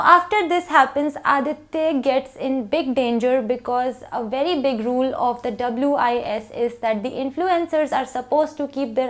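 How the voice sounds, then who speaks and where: A young woman from India speaks with an Indian English accent in a noticeably high voice. She walks through a book review in an earnest, even, explaining way, starting many sentences with "so".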